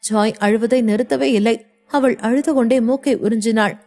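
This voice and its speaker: A woman narrating a novel in a steady storytelling manner. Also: on the high side, normal speed. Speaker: audiobook narrator. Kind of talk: scripted narration.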